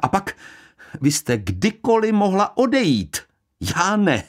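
A man pushes his voice up high, pitch swooping wildly, to play a cold and scornful daughter. The bitter young woman speaks with sharp, piercing contempt.

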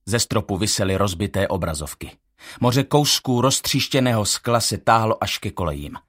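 A man reading a first-person audiobook in a measured, tense storytelling manner. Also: fairly low pitch. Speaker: audiobook narrator.

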